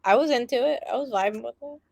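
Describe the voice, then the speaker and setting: A woman co-hosting a podcast in casual chat, easygoing and quick to agree. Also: on the high side, gravelly, darkish tone, dry recording, clean studio sound. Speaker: podcast co-host.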